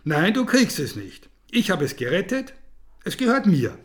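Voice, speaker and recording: A man reading a storybook and voicing a gushing, possessive little girl in a high voice. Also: very animated, moderate pace.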